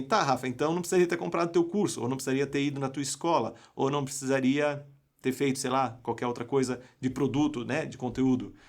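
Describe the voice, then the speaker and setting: Young Brazilian male English coach, live online class, emphatic, full of rhetorical questions, mid-pitched voice.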